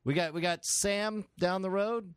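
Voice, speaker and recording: A man's voice: high voice, fairly even intonation, measured pace, clean tone, no echo, clean studio sound. A man co-hosting a comedy podcast, rambling goofily while playing detective and laughing often. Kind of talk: improvised comedy banter.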